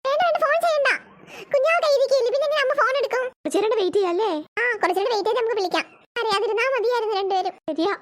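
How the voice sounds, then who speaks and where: A woman voicing young sisters and their mother in an animated cartoon, switching between quick shouty bickering and soft cooing over babies. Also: very high-pitched. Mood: chatty. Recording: noisy home recording.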